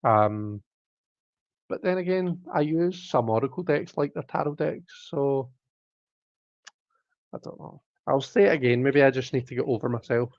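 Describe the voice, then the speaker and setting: Man, casual tarot streamer, self-deprecating banter, mid pitch, dry and muffled home audio. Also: normal speed, pauses often, no room sound. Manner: chatty, self-mocking, reads out viewer comments. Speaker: tarot reader and livestream host. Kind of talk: casual live-stream chat.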